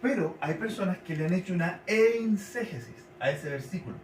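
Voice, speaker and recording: A man's voice: high voice, lively intonation, recorded from a distance, slight background noise. Man preaching in an echoey church hall. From Chile. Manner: slow, repeats and spells key words for a congregation. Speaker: pastor. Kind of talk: sermon teaching.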